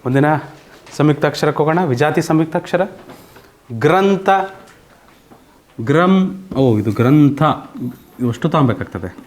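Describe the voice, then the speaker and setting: A man with a Karnataka accent teaching a slow, patient online grammar lesson, often asking students whether they understand. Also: a little high, animated, a little mellow. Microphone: computer mic on an online class call.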